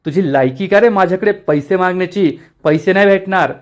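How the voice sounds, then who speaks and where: A cruel, arrogant businesswoman barks orders, read by a man narrating a serial recap. Her lines come out scornful and harsh, a bit higher than an ordinary male voice. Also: fairly quick, natural voice. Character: arrogant ruthless young woman executive.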